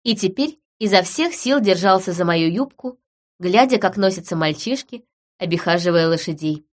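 A woman narrating a story in the first person with even storytelling. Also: fairly low pitch, normal speed. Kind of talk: scripted narration.

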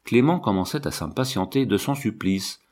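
Low-voiced man reading a novel. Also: lively intonation, moderate pace, a little mellow. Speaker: audiobook reader. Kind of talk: scripted narration of a classic novel.

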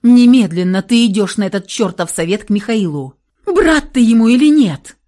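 Audiobook: a shrill, hot-tempered young heroine, read by a woman, high, swinging, loud delivery. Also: sing-song, moderate pace. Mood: furious. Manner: shrill, outbursts of hysterics. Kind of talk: audiobook role reading.

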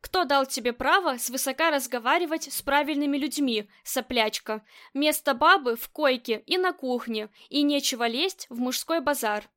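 A woman voicing a contemptuous, abusive male thug who shouts insults in an audiobook. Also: high voice, normal speed.

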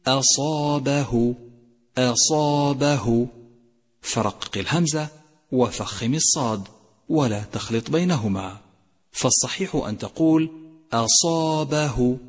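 A man teaching Quran recitation rules in a tajweed lesson, speaking slowly and deliberately and drawing out and chanting each example word. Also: medium pitch, breathy edge, big-room sound. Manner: slow and deliberate, stretching and chanting the example words.

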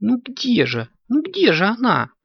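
A man voicing an excitable little boy kitten, eager and impatient, on a dull lo-fi recording. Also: high voice, moderate pace, vocal fry, no room sound, voice pushed up, heavily acted.

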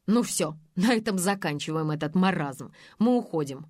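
A smug, dismissive rich businessman who drawls low and flat, as a female narrator voices him. His tone stays cool and dry. The sound is close with no room. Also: moderate pace, dry recording.

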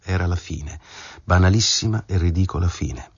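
A male narrator reads a novel in a calm, measured way. His voice is very low and husky. The recording is dry and a little dull, with no room sound. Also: no room sound. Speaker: audiobook narrator. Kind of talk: scripted literary narration.

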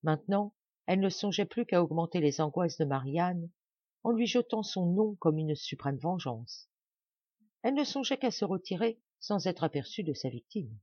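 A woman narrating an audiobook in a measured, dramatic reading voice. Her pitch sits mid-range. The recording is dry and slightly muffled, with no room sound. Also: big pitch swings, dark tone, slightly rough, no echo. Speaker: audiobook reader. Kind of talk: scripted narration.

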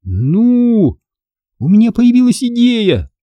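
A man voicing a frightened, quick-thinking young girl who speaks breathlessly and urgently in a storybook reading. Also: sits high, very animated, no room sound, lo-fi sound, voice pushed up.

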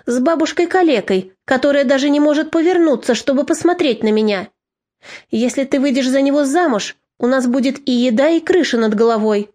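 A woman's voice: sits high, brisk, a little mellow, natural voice. A woman voicing a bitter, harsh middle-aged mother who snaps curtly. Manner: curt, snapping.

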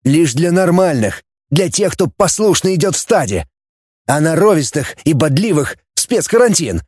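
A man's voice: fairly high pitch, sing-song, normal speed, darkish tone, slightly rough, no echo, studio quality, pitched above the performer's own voice. A man playing a cynical, blunt male outcast who talks in a sardonic, scornful way.

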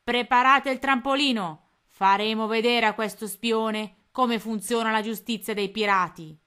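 A woman's voice: a little high, steady tone, measured pace, pushed and bright, voice pushed up. A woman voicing a cruel male rat pirate captain with a horrible, gloating voice in a read-aloud storybook.

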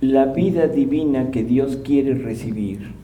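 A man's voice: medium pitch, slow, mellow, highs cut off, slight background noise. A man preaching in a humorous, conversational way, asking the audience questions as he goes. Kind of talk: sermon with audience interaction. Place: large room with live audience. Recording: roomy hall, mic at a distance.

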